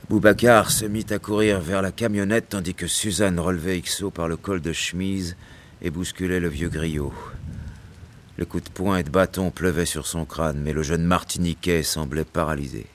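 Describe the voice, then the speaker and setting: A man's voice: deep voice, fairly even intonation, normal speed, close to an everyday voice. An actor playing a novelist who narrates his adventure tale in literary style for a radio drama. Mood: grave, dramatic.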